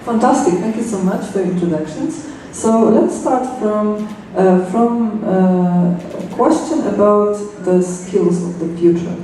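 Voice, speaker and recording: A panel moderator asking questions haltingly, with many fillers. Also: mid-range voice, dark tone. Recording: echoey room, distant mic, faint noise.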